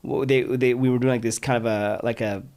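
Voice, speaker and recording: A man's voice: mid-range voice, fairly even intonation, a little fast, darkish tone. Male podcast host from Utah, mid-range voice, chatty and enthusiastic, casual interview talk full of restarts. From Utah, United States.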